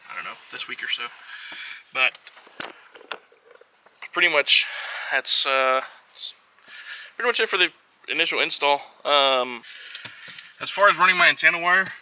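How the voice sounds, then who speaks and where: In noisy on-location vlog audio, a man walks viewers through a how-to in a casual, unscripted way. His medium-pitched voice sounds pushed and bright, and he speaks offhandedly and hesitantly, letting phrases trail off.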